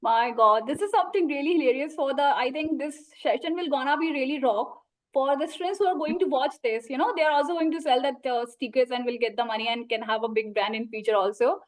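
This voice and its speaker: High-pitched Indian woman hosting a talk show. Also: fast. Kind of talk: podcast interview.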